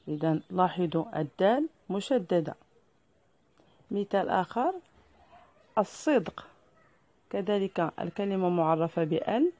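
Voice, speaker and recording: A woman teacher with a Moroccan accent, explaining a lesson to pupils slowly and deliberately, spelling out each example. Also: mid-range voice, warm tone, slightly rough, no echo.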